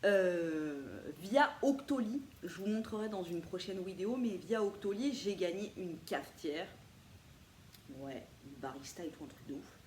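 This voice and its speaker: A woman's voice: fairly low pitch, measured pace. A woman, chatting casually and playfully to viewers about her thrift finds. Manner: chatty, animated, laughs often, playful asides. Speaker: vintage thrift haul vlogger. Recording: echoey room with faint ambient noise.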